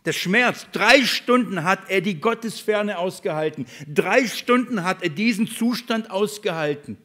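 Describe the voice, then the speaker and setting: German preacher, loud then hushed. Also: male voice, high voice, animated, unhurried. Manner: swings between loud and hushed delivery; asks the congregation questions and answers them. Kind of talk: sermon.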